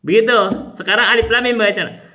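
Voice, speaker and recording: A man teaching Quran recitation rules, explaining patiently and demonstrating long drawn-out recited syllables. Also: high-pitched, bright, forceful tone. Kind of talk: tajwid lesson with recited examples.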